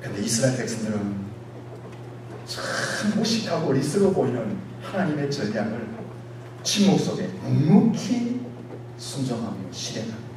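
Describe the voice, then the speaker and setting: A man's voice: sing-song, moderate pace. Preaching pastor, man, echoey church. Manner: swings from low quiet asides to loud exhorting peaks. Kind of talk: sermon. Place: church sanctuary. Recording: echoey church hall, distant mic, audible noise.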